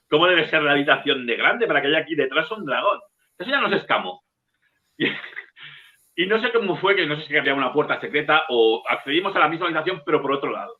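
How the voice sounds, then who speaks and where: Lively storyteller on a tinny line. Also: male voice, fairly high pitch. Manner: lively storyteller, swears casually. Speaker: bookseller and guest. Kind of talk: casual anecdote telling.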